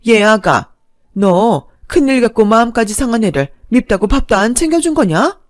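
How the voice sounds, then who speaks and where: A woman voicing a scornful older mother-in-law who nags her daughter-in-law with sharp contempt. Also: a little high, animated, normal speed, no echo, clean studio sound, voice pushed up, natural voice. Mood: aghast.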